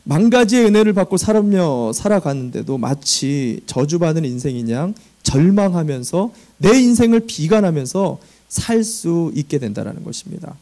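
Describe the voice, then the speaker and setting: A man's voice: on the high side, big pitch swings, moderate pace, few pauses, mellow. A man preaching as senior pastor, emphatic and telling vivid everyday stories. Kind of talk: sermon.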